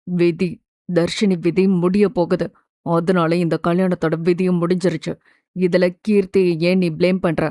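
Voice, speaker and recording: A woman voicing a grieving young man, lowered voice. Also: no echo, clean studio sound, close to an everyday voice. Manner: firm scolding, then gentle soothing.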